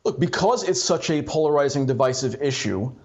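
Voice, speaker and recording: A man debating as a political pundit in a measured, conciliatory way, on dull lo-fi audio. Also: mid-range voice, animated, darkish tone.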